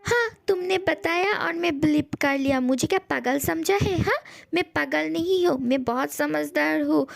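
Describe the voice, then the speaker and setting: A woman's voice: high voice, moderate pace, creaky, no echo. A woman voicing a brash young man who has just rented a room and scolds the stranger he finds there, in a fan audio story. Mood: scolding. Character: young man, new tenant, brash and jumpy.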